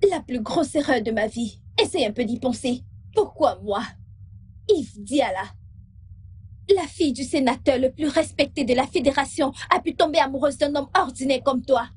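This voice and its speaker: A woman's voice: high voice, moderate pace, slight background noise, natural voice. A woman dubbing a haughty young senator's daughter who speaks to her boyfriend with cutting scorn. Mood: scornful. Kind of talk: French dub of a film.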